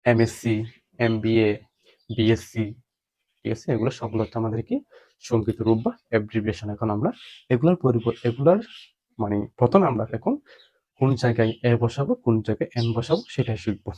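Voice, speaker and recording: A man's voice: mid-range voice, fairly quick, pauses often, warm tone. Male teacher quizzing through a lesson. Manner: repetitive question-and-answer teaching. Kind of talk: grammar lesson explanation.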